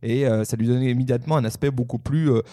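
A man's voice: medium pitch, steady tone, fast, warm tone, no echo, studio quality. A man co-hosting a casual podcast discussion, talking in a hesitant way with many fillers and restarts.

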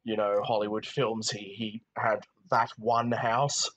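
A man's voice: on the low side, little pitch movement, unhurried, a bit bright, low-quality recording. A man co-hosting a film podcast, talking casually and rambling, with many restarts and "you know"s. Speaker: podcast co-host. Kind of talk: casual film review chat.

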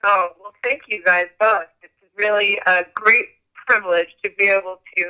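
A woman's voice: mid-range voice, fairly even intonation, normal speed, bright, forceful tone, rough recording. Woman heard over a speakerphone call. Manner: chatty, with frequent restarts and small laughs. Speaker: guest yoga teacher. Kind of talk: casual interview chat.

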